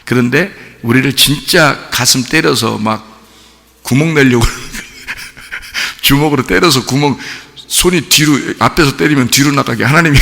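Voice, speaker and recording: A man's voice: mid-range voice, gravelly, sharp tone, long reverb tail. A man preaching a sermon in a conversational way, asking the congregation many rhetorical questions and acting out little quotes. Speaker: pastor. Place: church sanctuary.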